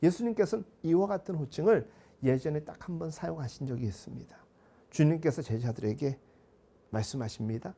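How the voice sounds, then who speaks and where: A male pastor giving a sermon in a measured, earnest manner, asking his congregation rhetorical questions. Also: fairly high pitch, mellow, breathy edge.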